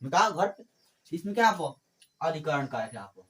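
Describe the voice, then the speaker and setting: A man's voice: a little high, sing-song, a bit bright. Man teaching grammar, asking his own questions. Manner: repeats phrases, asks and answers his own questions; fills pauses with "ठीक है" and "आपको". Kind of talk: classroom grammar lesson.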